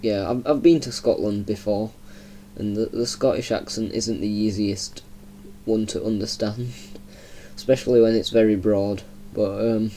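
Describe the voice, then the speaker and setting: A young man from Yorkshire with a Yorkshire accent, giving casual, rambling commentary while playing a game and laughing softly now and then. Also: lowish voice, steady tone, unhurried, a little hiss or hum. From Yorkshire, England. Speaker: gaming channel host.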